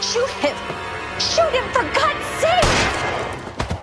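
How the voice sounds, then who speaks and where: High, frantic femme fatale. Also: female voice, very animated, fast, over loud music. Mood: desperate. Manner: pleading, defensive, insistent. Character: frantic, scheming American femme fatale widow. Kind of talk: mid-century crime game melodrama.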